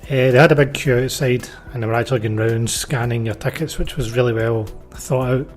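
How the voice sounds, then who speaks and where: A man's voice: medium pitch, fairly even intonation, brisk, faint music behind. Chatty west coast Scottish man vlogging. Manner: self-deprecating, chatty. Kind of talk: casual vlog to camera. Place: outdoors on town streets.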